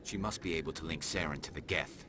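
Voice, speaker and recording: A man's voice: a bass voice, fast, bright, forceful tone, slight background noise. A man voicing a confident, determined alien police investigator in a video game.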